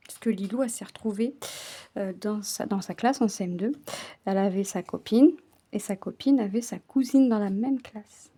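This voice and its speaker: Mellow-voiced woman chatting while she stitches. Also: mid-range voice, normal speed. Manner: stumbles over words, drops into soft whispered asides. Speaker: cross-stitch vlogger. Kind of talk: casual chat while stitching.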